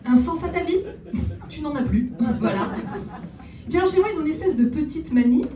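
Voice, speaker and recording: A woman doing a stand-up comedy set on stage, chatting with the audience and slipping in deadpan ironic asides. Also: high voice, normal speed, a crowd in the background. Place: theater stage before a live audience. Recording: roomy echo, distant mic, audible room noise.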